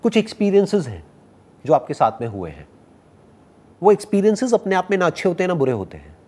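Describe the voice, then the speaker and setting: A man giving a motivational talk and answering audience questions, animated and playfully teasing, mixing English phrases into Hindi. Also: on the high side.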